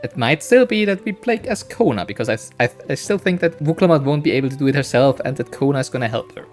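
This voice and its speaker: A man with a medium-pitched, animated voice talks fast while streaming a game, with faint music behind him. English isn't his first language. His let's-play chatter is casual and rambling, and he keeps tacking on "right?"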